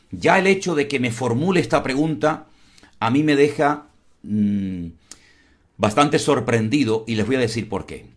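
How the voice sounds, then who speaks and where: A man, preaching as a pastor in a blunt, emphatic way, often repeating his phrases. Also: medium pitch. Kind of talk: preaching commentary.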